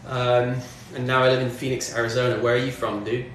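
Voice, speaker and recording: In an echoey indoor home studio, a chatty man from northwest England streams music, answering chat comments as he works. His mid-range voice is brisk and a bit bright, with little pitch movement. The mic is distant and off axis, with faint background noise.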